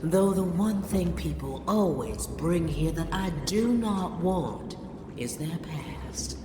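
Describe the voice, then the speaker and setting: A woman's voice: lowish voice, animated, slow. A woman playing a seductive madame of a pirate den in a video game, sultry and coaxing with whispered phrases. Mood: haughty teasing. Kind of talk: video game character acting. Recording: echoey hall, loud background noise.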